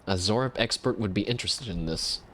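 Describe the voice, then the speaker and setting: A man gives casual let's-play commentary, chatty and self-mocking as he plays. His voice sits fairly low. A faint ambient hum runs behind him. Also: moderate pace, fairly bright tone. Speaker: gameplay commentator.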